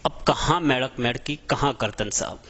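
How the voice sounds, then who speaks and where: A man's voice: mid-range voice, moderate pace, a bit bright. A man teaching a math lesson, explaining with a folksy story and often checking that students follow. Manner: chatty, addresses students as beta and sahab, asks checking questions.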